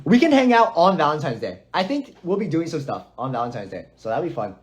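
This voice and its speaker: A man's voice: fairly high pitch, big pitch swings, a little fast, slight background noise. A young man chatting casually on a phone livestream, playful and giggly. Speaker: livestream host.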